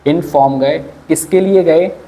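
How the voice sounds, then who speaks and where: A man teaching English in a lesson, slowly repeating each word and asking questions as he goes. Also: on the high side, dark tone. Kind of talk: spoken English lesson in Hindi. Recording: faint background noise.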